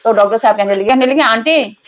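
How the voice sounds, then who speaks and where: A woman's voice: fairly high pitch, fast talker, a little hiss or hum. A middle-aged woman telling a comic story as a mother-in-law, chatty and indignant. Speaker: mother-in-law in comedy sketch. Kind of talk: scripted comedy storytelling.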